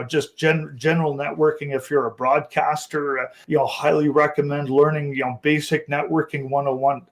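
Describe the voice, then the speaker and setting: A man talking casually on a panel as a consultant, rambling with many "uh" fillers. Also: medium pitch. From Canada.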